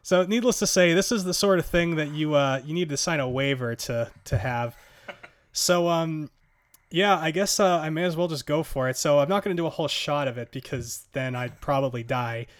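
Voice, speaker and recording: Gasping as the hot sauce burns, a podcast host talks casually at normal speed in a fairly high voice. He rambles, throwing in fillers and nervous laughter.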